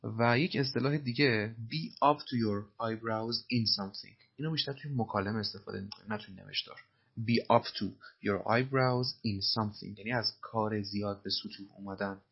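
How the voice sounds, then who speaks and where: Husky-voiced man teaching English. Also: lowish voice, highs cut off. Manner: patient, explains step by step, repeats phrases slowly. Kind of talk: explaining English phrases from clips.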